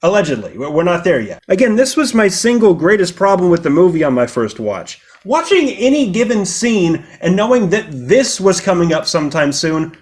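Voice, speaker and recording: High-voiced sarcastic man. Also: big pitch swings, normal speed, hardly any pauses, darkish tone. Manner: sarcastic and mocking. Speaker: video essayist. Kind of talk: film critique commentary.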